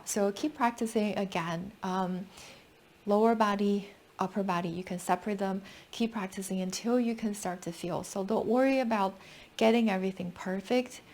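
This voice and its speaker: A woman teaching tai chi step by step with calm, gentle, unhurried cues. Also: medium pitch, slight background noise. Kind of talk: step-by-step movement instruction.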